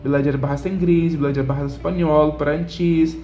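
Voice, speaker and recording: A young adult man from Brazil hosts a vlog, telling a casual story in a second language with a Brazilian Portuguese accent and simple, repetitive phrasing. His voice is mellow and on the high side, with fairly even intonation and a slightly fast pace. Faint music plays behind him.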